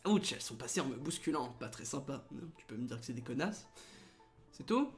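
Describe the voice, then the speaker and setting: A man's voice: medium pitch, lively intonation, a little fast, soft background music. A young man hosting a let's play in casual gaming commentary, reading the game text aloud and adding sarcastic, joking asides.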